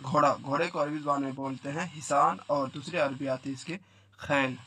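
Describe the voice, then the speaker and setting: A man's voice: mid-range voice, fairly even intonation, fairly quick, bright, forceful tone, breathy edge. A man teaching a vocabulary lesson, repeating each word and quizzing the listener. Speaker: Arabic teacher.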